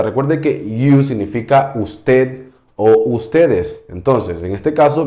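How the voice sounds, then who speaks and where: A man teaching an English grammar lesson, explaining slowly and patiently and often checking in with "ok?". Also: mid-range voice, a little mellow, echoey room. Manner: patient, repeats points, checks in with "ok?".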